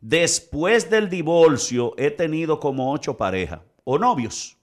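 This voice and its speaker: A man hosting a radio talk show, reading listener letters aloud with playful, exclamatory banter. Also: fairly high pitch.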